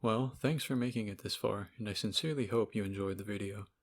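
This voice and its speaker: A fast-talking man with a lowish voice reviews games in an offhand, opinionated video essay. Expect sarcasm and cursing in his informal delivery, recorded on a cheap microphone.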